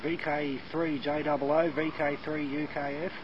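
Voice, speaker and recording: A man, an amateur radio operator repeating call signs in a flat voice, heard over a scratchy, breaking-up satellite radio link. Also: fairly high pitch, moderate pace. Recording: noisy, distant, muffled radio reception.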